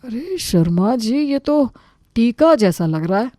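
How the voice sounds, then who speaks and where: A flustered young man in a cartoon, voiced by a woman talks his way out of trouble with placating excuses. The voice sits low and mellow, and the sound is dry and close. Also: a little slow, no room sound, lightly acted.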